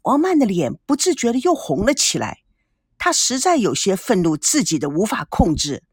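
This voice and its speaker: Woman audiobook narrator, animated intonation, dry close recording. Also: medium pitch, normal speed, husky, no room sound. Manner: expressive storytelling.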